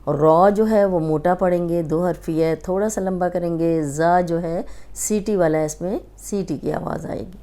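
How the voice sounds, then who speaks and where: Woman with a Pakistani Urdu accent, patient tajweed teacher, mellow and smooth, drawn-out letters. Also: fairly low pitch. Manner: patient, repeats and stretches each letter sound. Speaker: Quran reading teacher.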